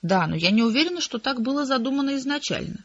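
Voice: high voice, expressive, fast, a bit bright, dull audio, voice pushed up, heavily acted. A reader putting on a prim, scandalized mother. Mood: gossipy. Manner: chatty, easily scandalized. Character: fussy middle-aged mother, prim and scheming.

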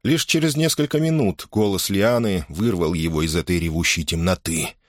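A man reads a novel aloud in a steady, measured narration. His voice is very deep. The recording is dry, with no room sound. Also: dry recording. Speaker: audiobook narrator. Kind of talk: scripted narration of a science fiction novel.

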